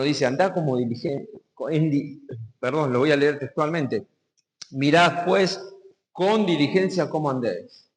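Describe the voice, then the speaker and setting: A pastor from Argentina with a Rioplatense accent delivers a sermon in a fairly high voice for a man. He stops to question the congregation and reads scripture slowly and emphatically. His voice rings with a long reverb, as if in a community hall. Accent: Rioplatense Spanish.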